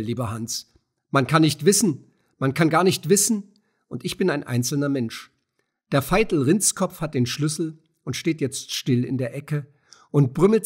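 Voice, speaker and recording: A nervous, self-pitying gatekeeper, put on by a male audiobook reader speaks in rushed, sighing phrases. The voice is husky and sits rather high. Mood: anxious. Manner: fearful, hasty, sighing.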